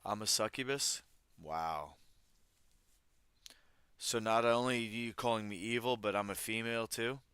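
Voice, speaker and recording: His voice is lowish, clear and resonant with a sharp edge; he speaks unhurriedly and pauses often, in a dry recording. The man hosts a livestream, reading articles aloud and then riffing on them with wry, irreverent comments to his chat.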